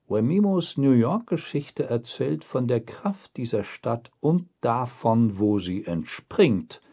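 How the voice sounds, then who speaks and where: A man narrating a documentary report in a slow, unhurried voice with a mellow, slightly husky tone. His pitch moves a lot, rising and falling across each phrase, and the delivery stays measured and deliberate. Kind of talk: scripted documentary voice-over.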